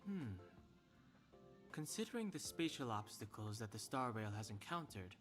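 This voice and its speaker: A man's voice: mid-range voice, sing-song, moderate pace, fairly bright tone, soft background music. A man voicing a reserved, matter-of-fact young man in a video game. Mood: calm.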